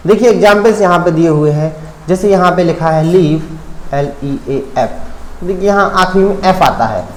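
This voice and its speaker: A man teaching an English grammar lesson, spelling words out letter by letter and often checking whether the point is clear. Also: high voice, moderate pace, roomy sound, slight background noise, low-quality recording.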